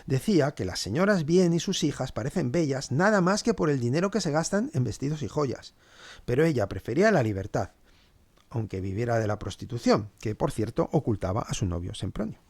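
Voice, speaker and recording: Man as a sardonic manservant, mid-pitched, dry close sound, storybook podcast. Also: sing-song, fairly quick, darkish tone, breathy edge, dry recording. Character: Sosia, wry cynical male servant. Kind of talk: scripted two-hander narration.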